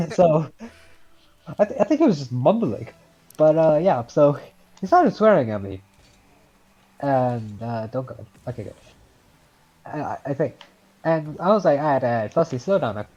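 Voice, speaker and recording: A man's voice: on the high side, big pitch swings, unhurried, long pauses, dark tone, breathy edge, lo-fi sound. A young man in his late teens with a Scouse accent, casually telling a rambling story on a podcast, swearing often. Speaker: podcast host.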